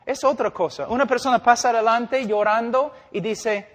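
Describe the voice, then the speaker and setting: An older man preaching a sermon as a missionary, emphatic, with dramatic pauses and acted-out quotes. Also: very high voice, a bit bright. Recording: long hall reverb.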